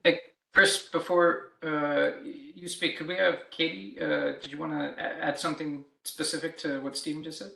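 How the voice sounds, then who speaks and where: Creaky, bright-voiced male facilitator. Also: on the high side, fairly even intonation, moderate pace. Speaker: workshop facilitator. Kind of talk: moderating a virtual workshop. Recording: echoey room.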